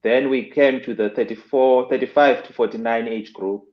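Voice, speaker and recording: A man's voice: medium pitch, steady tone, normal speed. A man with a South African Xhosa accent explaining things as a radio interview guest, switching between two languages, in muffled, roomy audio. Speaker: health expert guest.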